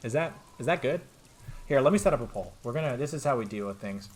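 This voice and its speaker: A man chatting excitedly to viewers as he plays a video game, his throat getting tired. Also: mid-range voice, fast. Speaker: streamer playing a video game. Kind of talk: let's play commentary.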